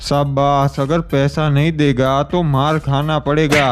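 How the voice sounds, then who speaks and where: A man's voice: fairly high pitch, flat delivery, takes it slowly, soft background music. A man voicing a menacing neighborhood gang boss who demands protection money in coarse, threatening talk.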